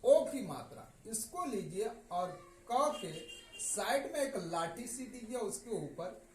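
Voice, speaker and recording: A man teaching a slow, step-by-step writing lesson, patiently repeating each answer and dropping his voice at every result. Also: sits high, very animated, a little mellow. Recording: echoey room with faint noise.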